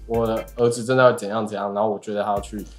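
A man telling a comic story on a podcast, animated and laughing as he goes. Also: on the low side, very fast, soft background music. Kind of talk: casual comedic storytelling.

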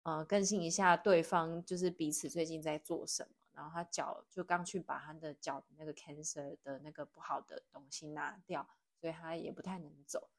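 A woman's voice: sits low, steady tone, brisk. A young woman from Taiwan with a Taiwanese Mandarin accent, hosting a casual podcast chat and telling stories with feeling, laughing often. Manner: emotional storyteller, laughs often. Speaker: podcast host. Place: living room of a home.

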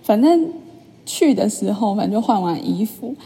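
Gravelly, husky woman telling a story. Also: medium pitch, moderate pace, in a large hall. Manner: chatty, animated retelling with many fillers. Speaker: vlogger. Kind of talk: casual storytelling monologue.

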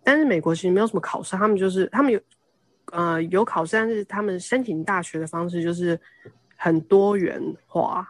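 A woman in her thirties from Taiwan, a podcast guest, talking casually and explaining at length with quick asides. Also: on the low side, no room sound. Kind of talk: casual interview chat.

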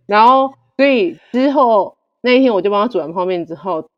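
A woman guest telling stories in casual chat, direct and animated, acting out the dialogue. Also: mid-range voice, brisk, in a large hall, lo-fi sound.

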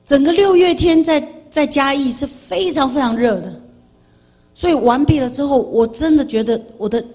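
A middle-aged woman giving a personal testimony in church, telling her story animatedly, now loud and now quietly confiding. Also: high voice, normal speed. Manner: animated, swings between loud outbursts and quiet confession. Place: church sanctuary.

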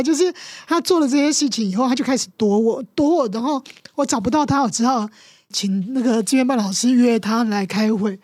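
A woman's voice: high voice, a little mellow, slightly rough, no room sound, clean studio sound. A middle-aged woman with a Taiwanese Mandarin accent, a guest telling a painful story with passion and strong emotion. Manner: impassioned, emotional, quick to act out scenes. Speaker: guest, teacher and mother. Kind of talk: podcast interview storytelling.

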